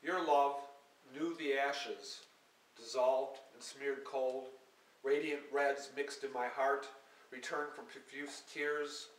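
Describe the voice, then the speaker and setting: A poet at a live reading who reads his poems in a measured, unhurried way and explains his work with halting, hesitant asides. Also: mid-range voice, steady tone. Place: small hall at a live reading. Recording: echoey live room from a distance, faint hiss.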